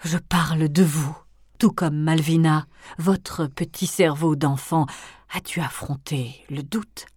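A woman's voice: low-pitched, fairly even intonation, slow pace, husky, dry recording, studio quality, full character voice. Woman voicing an icy elderly aristocrat. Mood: icy whisper. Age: older. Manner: hushed, icy, often whispered, swelling to threats. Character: cold, menacing elderly aristocratic grandmother. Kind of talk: audiobook character reading.

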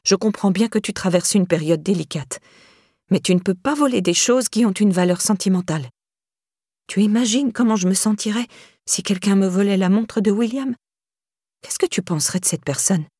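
Brisk, stern but kind older woman, dry close sound, voiced by a woman narrator. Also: medium pitch, dark tone, breathy edge, no room sound, close to an everyday voice. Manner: brisk, firm and caring.

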